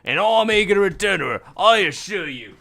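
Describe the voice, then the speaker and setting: A man puts on a fervent male cryptozoologist from a video game, stubborn and emphatic. His delivery is fairly high and sharply forceful, declaiming each point. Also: expressive, brisk, heavily acted. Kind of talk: game dialogue read aloud.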